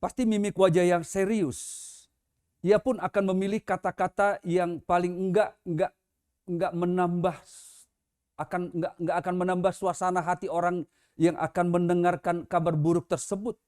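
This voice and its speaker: High-voiced man preaching a sermon. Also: little pitch movement, moderate pace, a little mellow, clear, resonant tone. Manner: conversational, with casual example voices. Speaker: pastor. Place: church.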